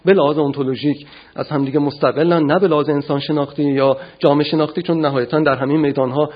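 Hesitant male philosophy lecturer, husky. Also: a little high, steady tone, dull audio. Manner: measured, frequent hesitations.

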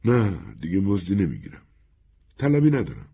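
Man doing a gentle, husky wanderer. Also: low-pitched, wildly swooping pitch, full character voice. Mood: gentle, resigned. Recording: narrow phone-like band.

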